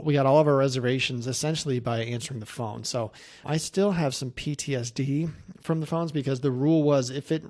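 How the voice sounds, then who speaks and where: This man's mid-range voice has a slightly mellow quality. As an insurance agency coach and presenter talking casually to camera, he swaps stories and practical tips in a relaxed, conversational manner, voicing quoted remarks as if acting them out.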